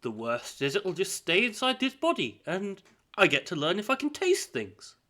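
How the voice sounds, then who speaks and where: A man playing a calm, curious father. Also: high voice, moderate pace, pitched above the performer's own voice, heavily acted. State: has a cold.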